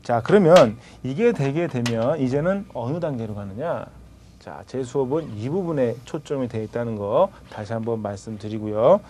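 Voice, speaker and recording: A man teaching a TOEIC grammar class, lively and conversational, firing rhetorical questions at his students. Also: mid-range voice, normal speed, slight background noise. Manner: animated, rhetorical questions, colloquial asides. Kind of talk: classroom lecture.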